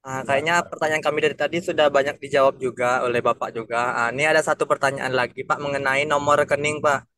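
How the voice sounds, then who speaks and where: A man's voice: mid-range voice, fairly even intonation, quick pace, hardly any pauses, sharp tone. A man asking a polite question in an online meeting, his voice faint and distant as if his phone is held away from his mouth. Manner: polite, deferential. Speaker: caller at a party meeting. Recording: far from the mic, faint.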